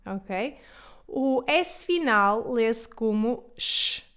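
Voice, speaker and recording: A woman with a European Portuguese accent teaching pronunciation, saying model words slowly and carefully for students to repeat. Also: fairly high pitch, lively intonation, fairly bright tone, smooth. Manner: slow, carefully enunciated model words for repetition. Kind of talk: pronunciation lesson.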